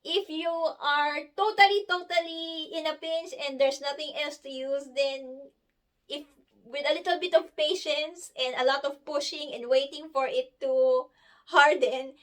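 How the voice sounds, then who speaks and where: A woman's voice: sits high, fairly even intonation, measured pace, fairly bright tone. A woman in her thirties, giving a chatty, giggly crafting tutorial and correcting herself as she goes. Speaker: cosplay crafter. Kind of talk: casual tutorial.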